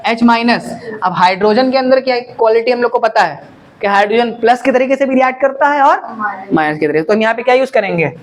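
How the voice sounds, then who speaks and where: A man's voice: extremely high pitch, animated, fast. Man teaching chemistry to a class. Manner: quizzing students, answering own questions. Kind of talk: classroom lecture.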